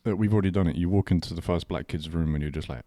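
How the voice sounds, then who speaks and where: In a clean studio recording with no room sound, a deep, dark-toned podcast co-host talks very fast in casual conversation. He laughs often, stumbles and restarts, and uses plenty of slang.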